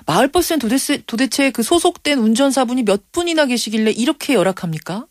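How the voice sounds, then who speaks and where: Lady news radio host, very lively pitch, bit high, asking emphatic questions, dry studio sound. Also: quick pace, no echo. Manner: inquisitive, emphatic, reacting with surprise. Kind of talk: broadcast interviewing.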